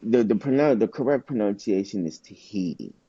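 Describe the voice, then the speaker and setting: A man co-hosting a podcast in loose, profane casual chat, his stories jumping up in pitch when he gets excited. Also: unhurried, slightly rough, lo-fi sound. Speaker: podcast co-host.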